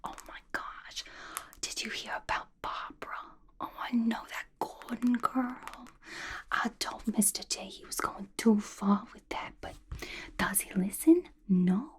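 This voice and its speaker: In an ASMR roleplay whispered to the listener, a woman plays a scatterbrained, gossipy, clingy young female villain, using a breathy, intimate whisper that's chatty, playful and slangy in grammar. Her tone is confiding, her voice a little high and a little mellow, with lively intonation and a slightly slow pace.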